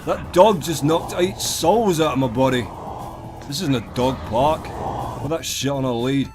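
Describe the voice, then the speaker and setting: A man's voice: mid-range voice, a little slow. Theatrical British man with irreverent gaming patter. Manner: theatrical, irreverent, mock-grandiose with sudden exclamations. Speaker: gaming video host. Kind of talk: comedic game commentary, profane and colloquial. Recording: voice over a music bed. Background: music.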